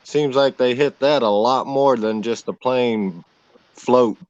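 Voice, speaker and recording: A man's voice: medium pitch, takes it slowly, a little mellow, dry recording. An easygoing man on a video call, sharing fishing habits in a folksy, casual way. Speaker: stream guest. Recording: dull lo-fi call audio.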